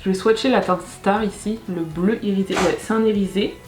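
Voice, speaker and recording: Over music, a young woman beauty vlogger chats casually as she unboxes makeup, often restarting and correcting herself mid-sentence. Her voice is medium-pitched and brisk, and the sound is roomy.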